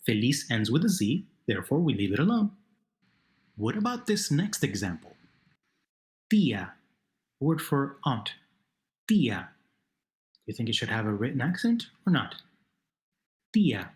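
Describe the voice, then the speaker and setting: A man's voice: medium pitch, very animated, a little slow, long pauses. A man narrating a video lesson as a Spanish teacher, posing questions to the learner and then patiently answering them himself.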